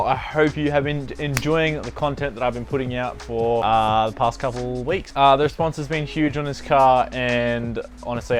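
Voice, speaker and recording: Casual slangy man vlogging over music. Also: mid-range voice. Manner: slangy, swearing, emphatic repetition. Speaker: car channel vlogger. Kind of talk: casual talk to camera. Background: rain on tin roof, faint music.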